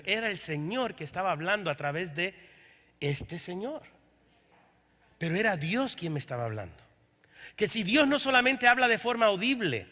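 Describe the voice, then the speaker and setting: A man's voice: high-pitched, bright, forceful tone. A man preaching a sermon as pastor, telling his story with quoted dialogue. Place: church service. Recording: long hall reverb from a church room.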